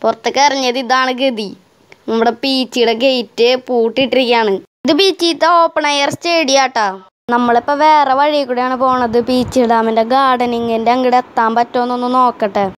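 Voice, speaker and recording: A woman's voice: fairly high pitch, fairly even intonation, brisk, smooth. A woman with a Kerala Malayalam accent narrates a casual travel vlog, chatting straight to viewers and mixing English words into her Malayalam. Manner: chatty, addresses viewers directly. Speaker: travel vlogger.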